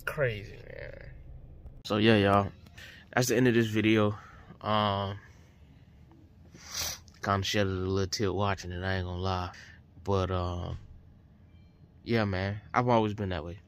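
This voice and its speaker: A man's voice: fairly low pitch, level tone, a little slow, long pauses, clear, resonant tone. A young man, talking in a casual, emotional, rambling vlog. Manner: emotional, heartfelt, slangy and rambling. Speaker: vlogger. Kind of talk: casual vlog talk to camera.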